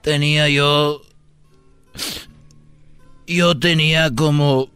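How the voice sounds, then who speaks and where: A man hosting a comedy radio show, telling stories at an unhurried, drawling pace. His voice is bright, with light music underneath. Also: on the high side, steady tone, clean tone, no room sound. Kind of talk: comic storytelling on a radio show.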